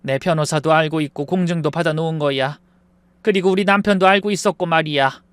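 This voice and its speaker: A man reads a frail, dying old woman of wealth in an audio story. She speaks softly and wearily, full of apology. The voice sits high and the sound is dry and close. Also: fairly quick, clean tone, dry recording, lightly acted. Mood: urgent, tender. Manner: soft, weary, apologetic speech. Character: dying elderly wealthy woman, gentle and remorseful.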